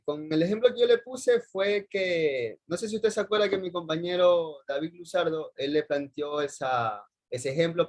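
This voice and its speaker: A young man with an Ecuadorian accent giving a rambling class presentation, full of hesitations and repeated phrases. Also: a little high. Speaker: university student presenting. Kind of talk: class presentation over video call.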